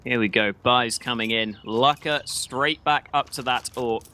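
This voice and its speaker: A man's voice: mid-range voice, measured pace, pushed and bright. A man working as an esports caster, giving analytical commentary on a live match and explaining tactics with his own opinions. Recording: clear background noise with clicks.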